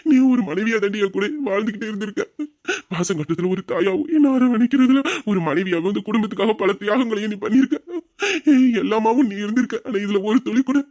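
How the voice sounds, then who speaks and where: A man's voice: high voice, fast, a little mellow, close to an everyday voice. A man playing a remorseful husband who sobs and pleads with his devoted wife in an audio drama, his voice breaking between laughter and tears. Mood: sobbing.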